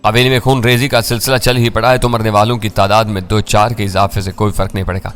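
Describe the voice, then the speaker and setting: Guy doing an icy crime boss, quiet and threatening, lowish voice. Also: little pitch movement, faint music behind, natural voice. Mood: coldly menacing. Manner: cold, low and quiet. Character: cold, menacing crime boss man.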